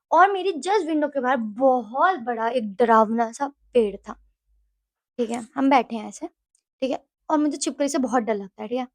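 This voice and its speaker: High-pitched, chatty young woman from Delhi. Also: dry recording. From Delhi, India. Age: young adult. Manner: animated, chatty, mixes Hindi and English, keeps checking in with the viewer. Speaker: vlogger. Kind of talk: casual storytime.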